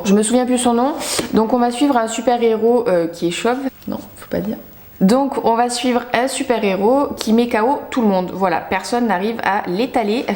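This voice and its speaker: A woman's voice: medium pitch, darkish tone, slight background noise. A young woman chatting casually about the books she bought, talkative and self-mocking with lots of fillers. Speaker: book vlogger. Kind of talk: casual book haul chat. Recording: echoey room.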